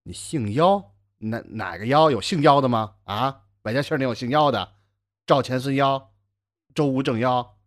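A man voicing a jumpy, blustering scholar who stammers loudly and demands answers. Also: mid-range voice, moderate pace, voice pushed down, close to an everyday voice. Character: blustering, jumpy male scholar Chai Wentong.

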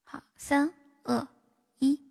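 A woman's voice: sits high, steady tone, slow, creaky, darkish tone. A woman hosting a live stream, chatting playfully, repeating herself and laughing often. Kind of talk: casual live-stream chat.

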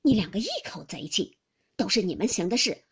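A woman's voice: mid-range voice, lively intonation, fairly quick, a bit bright, slightly rough, heavily acted. A woman doing a wheedling young nobleman. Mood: blustering.

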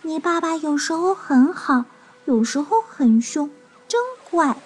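A woman voicing a small, gentle baby bird in a children's storybook, speaking softly. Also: high-pitched, lively intonation, unhurried. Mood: wondering.

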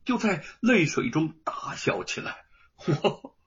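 A man telling a dramatic story in an expressive narrating voice, on a dull lo-fi recording. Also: high voice, unhurried, slightly rough.

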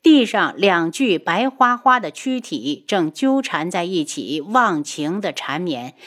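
Woman reading an audiobook, lively voice, expressive. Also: fairly low pitch, slow pace. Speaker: narrator. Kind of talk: audiobook narration.

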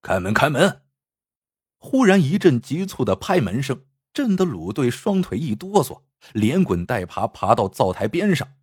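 Husky guy telling a story, really expressive, dry close mic. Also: medium pitch, moderate pace, no room sound. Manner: expressive, acts out the scenes. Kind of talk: dramatic story narration.

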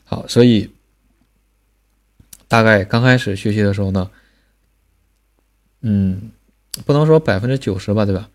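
Man, somewhat low voice, patient teacher, recorded pronunciation lesson. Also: darkish tone. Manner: patient, drills sounds slowly with repetition.

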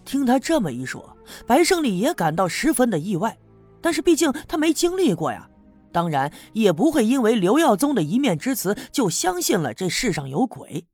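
A man narrating a serialized audiobook in an animated storytelling manner. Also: high voice, moderate pace, breathy edge. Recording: faint background music.

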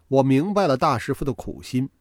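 A man narrating a novel as an audiobook reader, telling the story with dramatic, expressive delivery. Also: mid-range voice, fairly quick, no room sound, clean studio sound.

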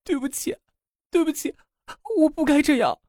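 A man's voice: normal speed, a little mellow, no room sound, studio quality. A man voicing a panicked young woman student who cries out apologies in a trembling voice. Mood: tearful. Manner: trembling, crying falsetto pleas.

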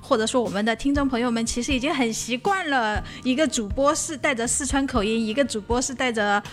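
A woman's voice: a little high, a little fast. A woman hosting a podcast in a chatty, casual way, talking to guest and listeners. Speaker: podcast host.

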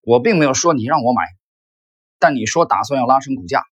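A man reading aloud and voicing an angry male stock trader who shouts accusations. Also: mid-range voice, expressive, fast, breathy edge. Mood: accusing.

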